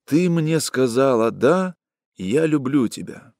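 A man voicing a drunk, desperate young man who pleads in a hushed, trembling voice through tears. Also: medium pitch, expressive, slow, dry recording, clean studio sound, pitched above the performer's own voice. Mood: pleading, despairing.

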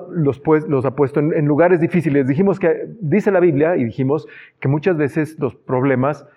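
A man preaches a sermon in an earnest tone, stopping to read scripture aloud and comment on it. His voice sits somewhat high for a man, and the sound is dull and lo-fi. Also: warm tone. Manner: earnest, reads Bible passages aloud and adds asides. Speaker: pastor.

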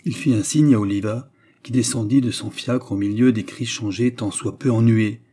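A man narrating a classic novel as an audiobook in a measured, steady reading. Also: fairly low pitch, slightly rough.

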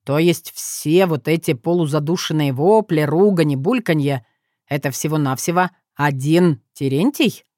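A woman's voice: low voice, moderate pace, a little mellow, no echo, clean studio sound, lightly acted. A woman reading a storybook, voicing a curious, wryly amused man.

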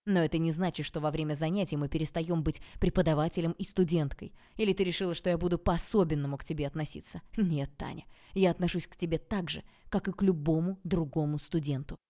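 Audiobook: stern young male lecturer, measured and lecturing, read by a woman, mellow low tone. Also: fairly even intonation, close to an everyday voice.

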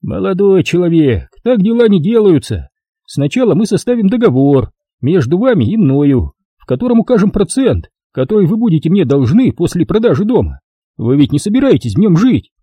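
A man reading an audiobook, voicing a fat, greedy, pompous middle-aged notary with a shrill, squealing manner. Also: sing-song, fairly quick, dark tone, husky, no room sound, exaggerated voice. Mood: condescending, greedy. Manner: condescending and grasping.

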